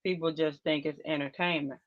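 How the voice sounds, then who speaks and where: A man's voice: a little high, steady tone, a little fast, a bit bright. A man co-hosting a casual livestream, laid-back and agreeable. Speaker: livestream co-host. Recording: dull lo-fi dry sound.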